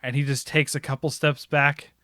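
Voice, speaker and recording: A man co-hosting a casual gaming podcast, talking in an animated way and laughing easily. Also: mid-range voice, normal speed, no room sound, clean studio sound. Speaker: podcast co-host.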